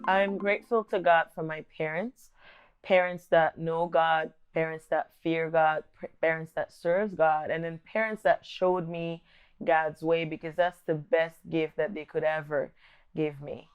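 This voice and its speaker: A woman's voice: low voice, steady tone, smooth, muffled recording. A young adult woman from the Democratic Republic of Congo, speaking earnestly and thoughtfully about her upbringing as a vlog host. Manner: earnest and measured, with occasional restarts. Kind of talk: reflective personal talk to camera.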